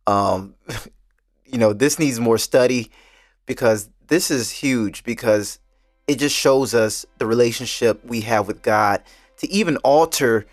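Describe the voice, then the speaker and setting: A man in a casual Bible study discussion, talking earnestly and laughing easily at the odd parts. His voice sits at an ordinary middle pitch. The sound is close and dry. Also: takes it slowly, no room sound, soft background music.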